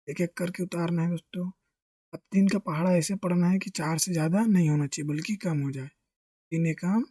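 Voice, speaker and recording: A maths teacher explains a lesson step by step in a mellow, warm voice. Questions are posed and answered in the same breath, with constant friendly address to the viewers. The sound is close and dry, with no room echo. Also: mid-range voice, slightly rough. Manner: asks questions and answers them himself; keeps addressing listeners as friends.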